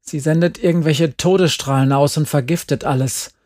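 A man voicing a tough, heartbroken young girl who curses and shouts in an audiobook reading. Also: on the high side, fairly even intonation, normal speed, no echo, studio quality, natural voice. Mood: furious. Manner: shouting, cursing, tearful. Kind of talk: audiobook character voice.

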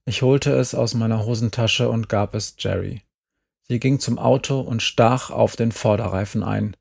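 Gravelly male audiobook narrator. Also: fairly low pitch, fairly even intonation, moderate pace, a little mellow. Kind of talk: scripted narration.

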